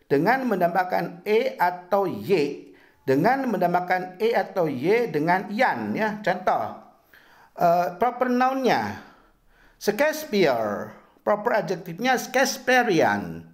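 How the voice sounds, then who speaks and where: A middle-aged man with a high-pitched, very animated voice lectures university students on English grammar. He repeats each example slowly and drills the students one by one.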